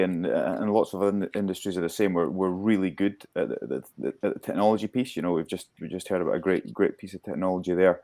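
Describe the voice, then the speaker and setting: A man with a very deep voice speaking as a guest performance coach. He answers eagerly, often repeating a word or two as he builds his point. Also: mellow. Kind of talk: interview answers.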